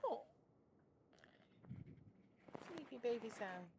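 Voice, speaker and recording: A woman streaming from her home desk in casual chat, cooing softly to her cats and often dropping to a hush. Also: a little high, very animated, slow, very noisy. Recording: clear background music. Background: music.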